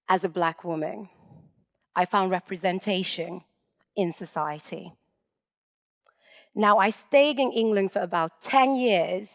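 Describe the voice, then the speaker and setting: A woman in her thirties from Sweden giving a prepared public talk from a stage, measured and emphatic with deliberate pauses. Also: medium pitch. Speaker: public speaker. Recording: long reverb in a lecture hall.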